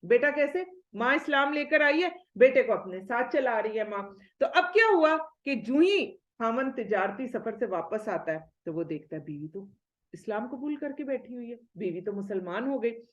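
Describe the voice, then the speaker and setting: Female religious lecturer, higher-pitched, lively and rhetorical, on a dull lo-fi recording. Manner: lively, rhetorical questions, acts out quoted speech. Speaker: Islamic studies lecturer.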